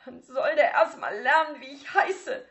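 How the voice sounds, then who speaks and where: A woman voicing an indignant teenage girl who turns shrill and sulky. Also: sing-song, normal speed, gravelly, a bit bright, lo-fi sound, exaggerated voice.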